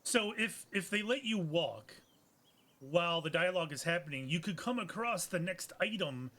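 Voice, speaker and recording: High, animated man musing through gameplay. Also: normal speed. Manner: musing, hesitant, self-correcting. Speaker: gameplay streamer. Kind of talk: let's play commentary.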